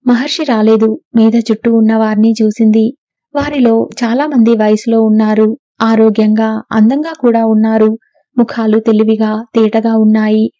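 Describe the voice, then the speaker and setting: A woman reads a novel aloud in steady, even storytelling. Her voice is mellow and fairly high, with a flat, level line. The recording is dry and a little dull. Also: moderate pace, dry recording. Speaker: audiobook narrator. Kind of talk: scripted narration.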